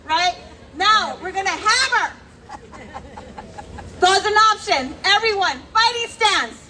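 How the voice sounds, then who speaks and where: A woman working as a self-defense instructor, leading a crowd through call-and-response drills with commanding, energetic shouted cues into a handheld mic at an outdoor rally. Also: extremely high pitch, slow pace, a little hiss or hum. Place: outdoor rally on a city hall lawn. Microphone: handheld microphone. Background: faint crowd.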